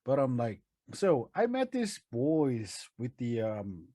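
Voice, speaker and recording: A man's voice: mid-range voice, huge pitch swings, slow pace, mellow, no echo. A man with a Korean accent, a native Korean speaker talking in English. He co-hosts a casual podcast and often stops to search for words. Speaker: podcast co-host.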